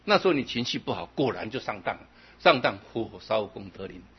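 A man giving a Buddhist dharma talk, chanting examples fast and slow and asking rhetorical questions. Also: on the low side, very animated, husky, dull audio. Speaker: Buddhist teacher.

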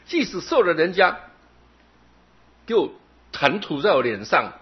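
A man voicing a hot-tempered young man who pleads and protests in a high, strained voice. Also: very animated, normal speed, creaky, slightly rough, full character voice. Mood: earnest. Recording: dull lo-fi recording.

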